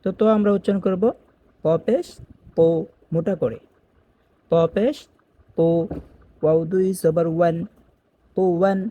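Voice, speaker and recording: A man teaching Quran reading, spelling out letters slowly and repeating each word for beginners. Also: sits high, warm tone. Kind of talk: step-by-step spelling lesson.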